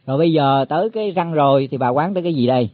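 Male preacher, folksy and repetitive, slightly high husky voice, tinny phone-quality recording. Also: no echo. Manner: folksy, explains slowly with many repeated words. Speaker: Buddhist teacher. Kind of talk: sermon.

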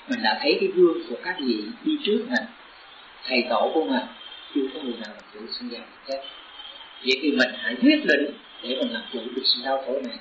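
A man's voice: medium pitch, slight background noise. A Buddhist teacher, preaching to his disciples in an earnest, exhorting tone that climbs into urgent emphasis. The recording is roomy and echoing. It also sounds dull and lo-fi. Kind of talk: sermon to disciples.

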